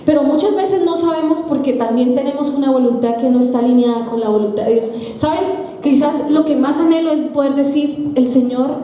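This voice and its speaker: A woman's voice: high voice, a little fast, dark tone. A middle-aged woman pastor preaching a conversational sermon in church, asking the congregation questions as she goes. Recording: echoey church hall with long reverb.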